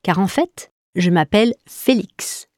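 A woman voicing a shy, gentle little male cat in a storybook, softly thankful. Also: mid-range voice, lively intonation, measured pace, no room sound, studio quality, lightly acted. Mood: grateful.

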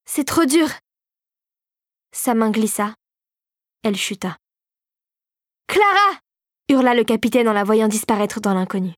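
A woman reads a storybook aloud with an expressive, scripted delivery. Her voice sits somewhat high and falls quieter in the tense moments. The recording is dry and close. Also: no echo. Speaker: narrator.

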